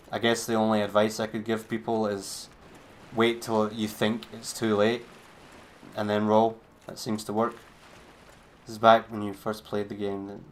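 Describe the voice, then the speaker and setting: A man streaming a game, giving laid-back, chatty commentary with a wry edge. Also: on the low side. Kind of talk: casual gameplay commentary.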